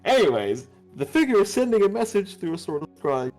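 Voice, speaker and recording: A man's voice: sits high, very animated, brisk, darkish tone. Man narrating a tabletop game over music. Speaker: game master. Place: online voice call. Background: background music.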